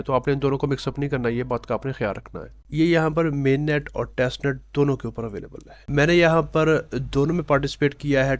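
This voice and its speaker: A man hosting a casual screen-share explainer, talking steadily and mixing in English tech terms, pausing with "uh" fillers as he goes. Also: medium pitch. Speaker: crypto channel host.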